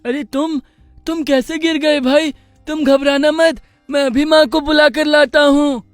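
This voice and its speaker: A man's voice: very high-pitched, fairly even intonation, a little slow, no room sound, faint music behind. A man voicing a cheerful, trusting little boy calf in a cartoon story. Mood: worried. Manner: eager and friendly.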